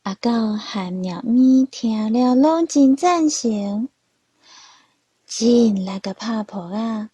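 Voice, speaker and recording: A woman narrating a children's story in a slow, gentle storytelling manner. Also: fairly high pitch, animated, breathy edge, no echo, highs cut off.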